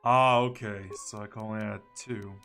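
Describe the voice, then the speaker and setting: A man's voice: on the low side, steady tone, moderate pace, creaky, fairly bright tone, faint music behind. A man casually commentating on a game livestream, thinking aloud and muttering to himself in short phrases. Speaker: game streamer.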